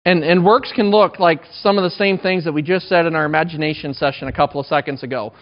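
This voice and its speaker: A man's voice: a little high, quick pace. A man in his thirties preaching a sermon in a conversational, self-deprecating way. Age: 30s. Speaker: pastor. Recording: dull lo-fi recording.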